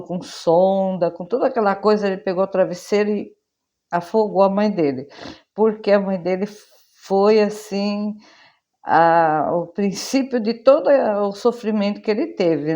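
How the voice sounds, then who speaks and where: A woman's voice: mid-range voice, darkish tone, lo-fi sound. A Brazilian woman casually retelling a film's plot as a vlogger, rambling from one event to the next. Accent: Brazilian Portuguese. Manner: rambling storyteller, chains events with "then".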